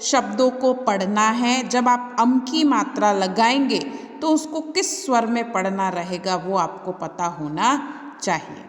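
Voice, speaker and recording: Woman teacher for young kids: slow, patient, repeats words and quizzes the class; phone recording with long reverb. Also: mid-range voice, animated. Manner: patient, repeats each word and asks the class back. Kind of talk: slow worksheet lesson for young children. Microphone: mobile phone.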